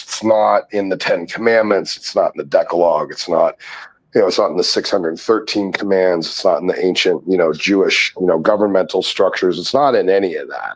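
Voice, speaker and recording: A man's voice: low voice, low-quality recording. A man in casual chat, blunt and crude, lecturing at length on morality.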